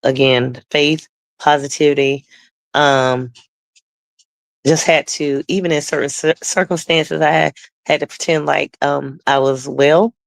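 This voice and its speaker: A woman's voice: sits low, steady tone, measured pace, creaky, no echo. A woman guest telling her personal testimony conversationally, acting out the dialogue she quotes.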